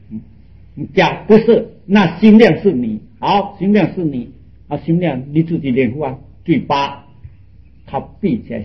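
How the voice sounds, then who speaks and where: A man's voice: on the high side, muffled recording. A man teaching Buddhism in a dharma talk, telling stories animatedly and pressing his listeners with rising, emphatic questions.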